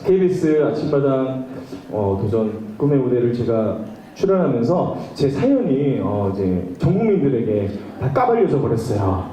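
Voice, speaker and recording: On a large concert hall stage before roughly two thousand people, a male trot singer banters chattily with the crowd in a lively, up-and-down delivery at a moderate pace. He's far from the mic, the hall echoes boomingly over backing music, and there's a little hiss or hum.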